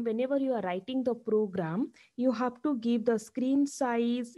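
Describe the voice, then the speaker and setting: A woman lecturer with an Indian accent and a slightly high voice. She explains step by step in a classroom lecture style, like a professor teaching from slides, and often checks in with a short tag question. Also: mellow, muffled recording.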